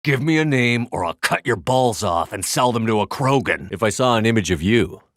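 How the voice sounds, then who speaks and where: A hardened male military commander of a starship for a video game. His voice sits on the low side, with a clipped, authoritative way of giving orders and a dry edge to the delivery. The sound is clean and dry, with very little room around it. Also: animated, moderate pace, a bit bright, no echo. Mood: cool, stern.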